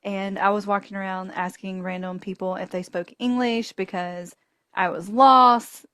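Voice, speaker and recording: Unhurried and smooth, this medium-pitched woman hosts a podcast where she relates a travel mishap, often breaking into laughter and acting out dialogue. The sound is clean studio audio with no room sound.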